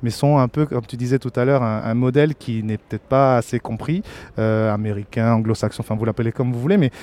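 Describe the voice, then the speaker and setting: A man speaking as a podcast guest, talking in a halting way with many restarts. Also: mid-range voice, mellow. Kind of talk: casual conversation.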